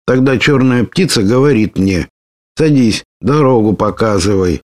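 A man voicing a lively, bold young woman warrior who talks brashly and teases. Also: mid-range voice, unhurried, no room sound, clean studio sound, voice pushed up, natural voice. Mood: indignant. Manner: brash, teasing, excitable.

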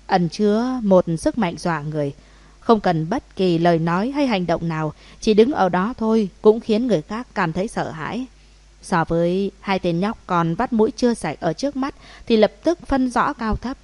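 A woman narrating a romance novel in a steady, measured audiobook reading. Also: mid-range voice, dry recording. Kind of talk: scripted narration.

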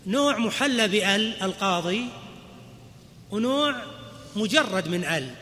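A man teaching a grammar lesson, explaining step by step and quizzing the class with quick questions. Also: high-pitched, lively intonation, sharp tone. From Saudi Arabia. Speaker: sheikh teaching Arabic grammar. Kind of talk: classroom lecture. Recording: reverberant hall, faint background noise.

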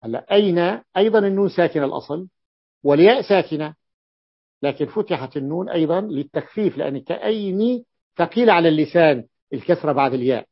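A man's voice: a little high, lively intonation, fast talker, no room sound, highs cut off. Man teaching grammar, patient, repetitive. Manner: explains step by step, repeats key points. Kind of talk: grammar lesson explanation.

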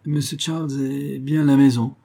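Flustered male servant, voiced by a man reading, stammering, deferential, husky, dark. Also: mid-range voice, little pitch movement, moderate pace, voice pushed up.

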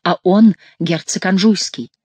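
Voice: mid-range voice, a little slow, darkish tone, husky, no echo. A reader voicing an aging queen mother who is imperious yet pleading, in a theatrical audiobook reading. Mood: coaxing.

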